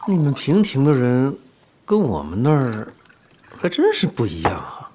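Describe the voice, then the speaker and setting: An actor playing a kindly, easygoing middle-aged father who talks softly, at times half in a whisper, in a period TV drama. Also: medium pitch, wildly swooping pitch, a little slow, a little hiss or hum. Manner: gentle, soft, half-whispered consoling. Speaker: father figure.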